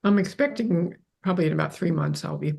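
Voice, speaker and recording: An author in a writing group, speaking slowly and haltingly on a video call. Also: mid-range voice, creaky, a little mellow. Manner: slow, halting delivery. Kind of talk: casual video call chat.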